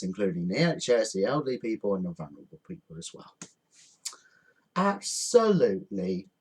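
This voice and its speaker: A man ranting angrily to camera from home, swearing often and repeating his points with indignation. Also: medium pitch. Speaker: vlogger. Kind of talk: angry rant to camera. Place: indoors at home.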